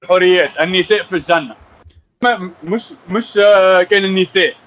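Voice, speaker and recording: A man's voice: sits high, fairly quick, fairly bright tone, highs cut off. A man from Tunisia with a Tunisian Arabic accent, calling into a live debate stream and stumbling over formal words. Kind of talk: casual call-in chat.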